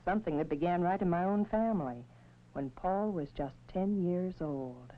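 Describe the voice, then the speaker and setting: An actress playing a thoughtful, worrying mother who narrates a vintage educational film in an earnest, measured, sentimental way. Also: on the low side, lightly acted. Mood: reflective, earnest. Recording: tinny, noisy vintage film soundtrack.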